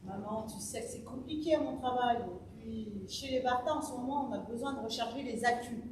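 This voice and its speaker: A performer playing a sarcastic, grumbling grown son with mocking quips, in an amateur stage play. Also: female voice, fairly high pitch, a little fast, close to an everyday voice. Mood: sardonic. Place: theatre stage. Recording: echoey hall from far off, loud noise.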